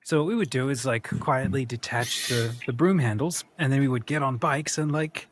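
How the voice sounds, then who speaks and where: A man chats on a podcast at an ordinary middle pitch. He tells long, meandering stories from his childhood, full of small asides. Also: moderate pace, a little hiss or hum. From New Zealand. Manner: rambling nostalgic storytelling. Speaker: podcast co-host. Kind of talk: casual chat.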